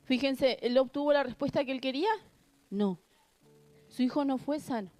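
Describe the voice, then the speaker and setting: A woman's voice: high voice, moderate pace, darkish tone, faint music behind. A woman preaching a sermon, earnest, reading scripture and asking the congregation rhetorical questions. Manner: reads scripture aloud between remarks.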